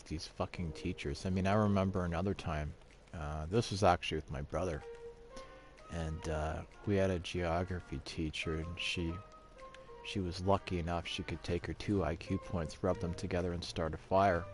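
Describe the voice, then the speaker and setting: Middle-aged man, very low voice, swears freely, rambling anecdotes, faint music underneath. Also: steady tone, normal speed. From Canada. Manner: profane, emphatic, rambling. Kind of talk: casual storytelling monologue.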